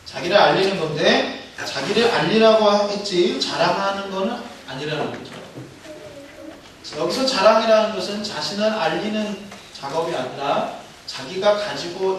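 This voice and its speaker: Pastor preaching in a church sanctuary, high-pitched, storytelling, distant mic with heavy echo and faint noise. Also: male voice. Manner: storytelling, animated, playful. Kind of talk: sermon. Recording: echoey hall from far off.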